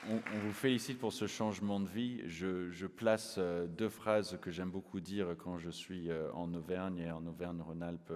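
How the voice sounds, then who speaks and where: A very deep-voiced man moderates a talk on an opera house stage, long reverb trailing his words. He is polite and hesitant, restarting phrases and filling pauses as he sets up his questions. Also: fairly even intonation, a little mellow, a faint crowd, a little hiss or hum. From United States. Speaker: interviewer. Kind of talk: moderated public conversation.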